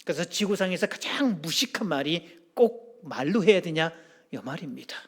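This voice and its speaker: A man's voice: fairly high pitch, animated, moderate pace, slightly rough. A male pastor, preaching a sermon in a church with humorous storytelling and questions to the congregation. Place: church sanctuary.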